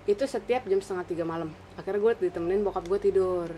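A woman's voice: medium pitch, fast talker, dark tone. A young woman with a Jakarta-area accent telling a ghost story casually and animatedly in informal Jakarta slang. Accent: Jakarta-area Indonesian. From Indonesia, Cibinong area. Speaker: storyteller in a group chat. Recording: clearly noisy room ambience.

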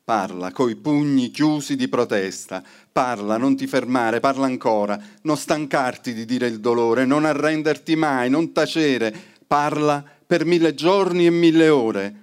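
At a live event in a hall, a poetry reader recites a poem built around an incantatory, repeated refrain. His medium-pitched voice is clean and unhurried, with hardly any pauses.

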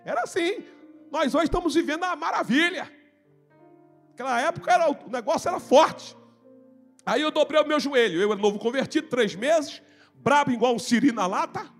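A man from Brazil preaching a fervent Pentecostal sermon in church, telling his own testimony and rising into shouted exhortation. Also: very high-pitched, animated, moderate pace, faint music behind. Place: church service.

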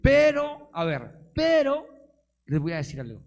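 A man's voice: extremely high pitch, wildly swooping pitch, a little slow. A man preaching a live sermon, firing rhetorical questions at the congregation and joking with them. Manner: call-and-response with the congregation, rhetorical questions, bursts of emphasis; playful, laughs with the audience. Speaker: pastor.

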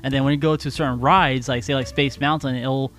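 A man's voice: medium pitch, fairly even intonation, brisk, a bit bright, soft background music. A man co-hosting a casual podcast, rambling with many fillers and restarts. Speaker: podcast co-host.

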